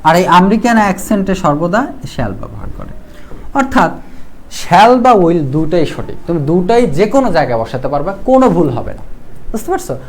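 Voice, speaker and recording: This male English grammar teacher, who has a Bangladeshi Bengali accent, speaks a little fast in a high voice with big pitch swings. There is a little hiss or hum. Teaching live online, he poses questions and supplies the answers, reads viewer comments aloud, and goes over key rules again.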